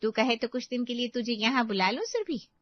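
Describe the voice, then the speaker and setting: A woman voicing a gentle, caring middle-aged mother in an animated story, talking softly and comfortingly. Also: a little high, a little fast, no echo, close to an everyday voice. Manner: soft, comforting. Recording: dry, slightly dull lo-fi audio.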